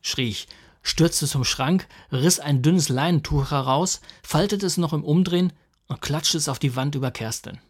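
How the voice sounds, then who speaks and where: A man's voice: a little high, moderate pace. A man reading a humorous first-person story aloud in a dry, wry manner. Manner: dry, wry comic narration. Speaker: narrator.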